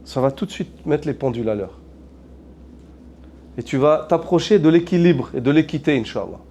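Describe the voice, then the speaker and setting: A man's voice: fairly high pitch, lively intonation, normal speed, mellow, a little hiss or hum. A man, an imam, preaching a sermon earnestly, mixing in Arabic phrases and asking repeated rhetorical questions.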